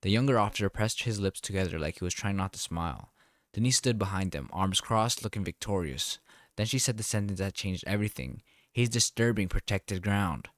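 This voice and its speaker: A man narrating a first-person story in a calm, wry, deliberate way. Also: deep voice, no room sound, studio quality.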